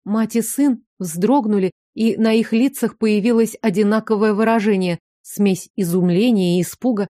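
A woman narrating a first-person audiobook at a mid pitch. Her tone is mellow and even. The recording is dry and close. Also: moderate pace, few pauses, no room sound.

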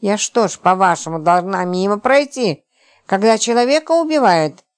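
A naive, indignant young wife in an audiobook, her voice rising high and sharp as she protests and exclaims, as a woman reader plays her. She sounds agitated and easily offended throughout. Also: fairly quick, lightly acted.

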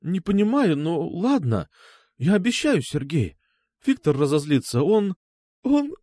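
Guy doing a scared teary young woman, high pleading voice, lively swings, dry sound. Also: moderate pace, no room sound. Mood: frightened pleading. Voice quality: tearful, pleading. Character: frightened tearful young woman.

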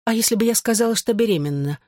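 A woman's voice: medium pitch, expressive, fast, a little mellow, no echo, studio quality, voice pushed up, close to an everyday voice. An audiobook reader voicing a jealous, pushy young woman who snaps, whines and pleads. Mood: pleading, spiteful. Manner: whining, snapping and pleading. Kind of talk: audiobook character voice.

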